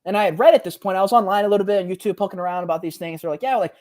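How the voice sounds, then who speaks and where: Young guy on a podcast telling a wild story, slangy, lots of "bro", jumps up and down in pitch when he acts stuff out. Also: racing. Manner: animated, slangy, says "bro" often, acts out quotes. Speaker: podcast guest. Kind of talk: casual storytelling.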